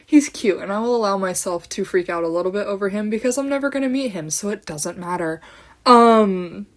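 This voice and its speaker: A young woman hosts her own podcast alone, talking straight to her camera in a loose, bubbly ramble. She fills her speech with "like" and "um" and wanders off on tangents with a giggle. Her voice sits at an ordinary middle pitch. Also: fairly quick. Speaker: podcast host. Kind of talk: casual solo podcast chat.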